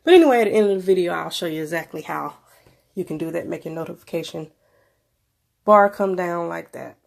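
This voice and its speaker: Woman, stuffy-nosed with a cold, fairly low voice, heavy vocal fry, informal tech video presenter. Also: expressive, fairly quick. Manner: informal, conversational. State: sick with a cold, stuffy nose. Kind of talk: casual tech review narration.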